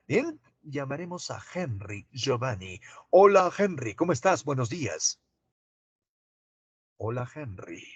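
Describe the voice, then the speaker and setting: Man, lively pitch, slow and husky, dry close sound. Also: no echo. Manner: slow, drawn-out questions to students. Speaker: teacher. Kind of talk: online class lecture.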